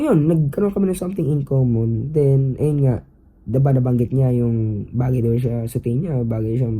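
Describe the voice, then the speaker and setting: The podcast host here is a young Filipino man whose medium-pitched voice carries a casual story in a blend of Tagalog and English. Fillers crop up constantly in his animated chatter, captured on a rough recording.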